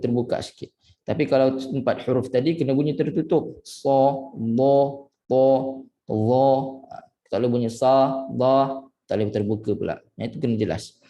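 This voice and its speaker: Man, Malaysian Malay accent, tajwid teacher, mellow dark voice, slow repeated demonstrations. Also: medium pitch, highs cut off. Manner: corrects and demonstrates sounds slowly, repeating syllables. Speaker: Quran recitation teacher. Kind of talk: tajwid pronunciation lesson.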